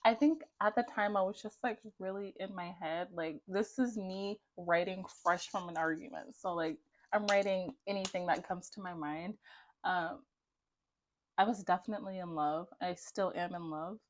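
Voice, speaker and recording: A woman's voice: lowish voice, fairly even intonation, normal speed, slight background noise. A young adult woman chatting casually to viewers as she reads from her own journal, with wry, self-mocking asides. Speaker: vlogger.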